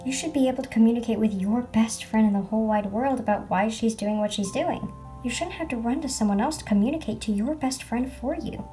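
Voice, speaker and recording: Woman voicing a measured advice-giving young female toy pet, lecturing, high voice, faint music. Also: mellow, natural voice.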